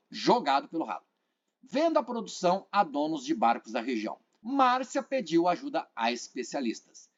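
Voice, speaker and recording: A man with a Brazilian Portuguese accent teaching an exam-prep grammar lesson, asking the viewer questions and repeating phrases. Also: sits high. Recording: dull lo-fi sound.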